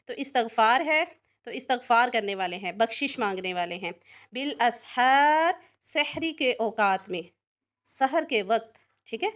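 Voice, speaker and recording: A woman with a somewhat high voice teaches a word-by-word translation lesson. She explains each word slowly and patiently, often stopping to check that her listeners follow. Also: fairly bright tone. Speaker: Quran teacher.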